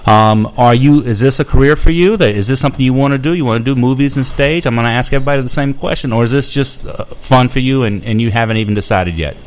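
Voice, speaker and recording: Smooth-voiced male radio host. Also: mid-range voice, fast talker, few pauses. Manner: friendly, rambling, many ums and restarts. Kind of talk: casual radio chat with phone callers.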